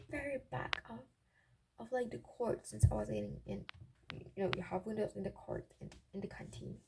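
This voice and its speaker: High-pitched young woman in giddy, creaky gossip. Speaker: vlogger telling personal stories. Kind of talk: casual gossipy chat. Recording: clearly noisy raw amateur recording, clicks.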